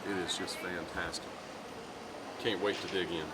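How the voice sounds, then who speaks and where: A middle-aged man, a travel vlogger, chats to his viewers like friends during a casual walking-tour vlog in an outdoor city square. His voice is deep and level at a moderate pace, and the street recording is noisy.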